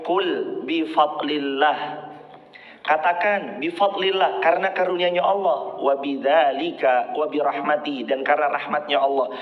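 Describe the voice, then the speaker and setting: A man giving a relaxed sermon who acts out quoted everyday speech and chants Arabic verses. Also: fairly high pitch, moderate pace, hardly any pauses. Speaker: preacher. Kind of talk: casual sermon. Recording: echoey hall, dull lo-fi sound.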